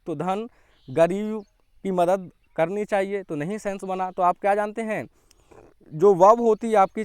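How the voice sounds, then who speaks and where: A man teaching an English grammar lesson, quizzing his students and slowly dictating the sentences. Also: sits high, darkish tone, smooth, no echo, clean studio sound.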